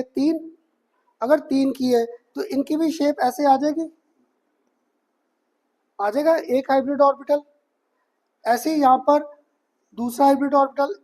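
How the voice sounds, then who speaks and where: A man teaching a chemistry class in a loose, conversational way, slipping in English technical terms and asking if everything is clear. His voice sits high, with a mellow, soft-edged tone. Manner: chatty, keeps asking students if it is clear. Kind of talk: classroom lecture.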